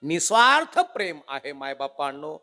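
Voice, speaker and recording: A man's voice: on the high side, sing-song, normal speed. A man preaching a humorous devotional sermon, dramatic and emotional and speaking straight to his audience. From Maharashtra. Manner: dramatic, emotional, swings between loud and hushed; addresses the audience directly. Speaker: kirtan preacher.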